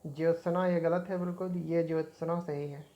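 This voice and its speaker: A woman's voice: deep voice, fairly even intonation, normal speed, warm tone, muffled recording. A woman teaching an exam-prep spelling lesson, repeating each word as she points out right and wrong forms.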